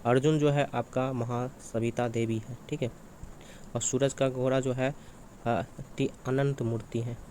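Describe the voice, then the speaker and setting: A man's voice: medium pitch, level tone, measured pace, dark tone, slight background noise. A man teaching exam preparation, walking through questions and answers in a repetitive question-and-answer manner. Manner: repetitive, asks and answers his own questions.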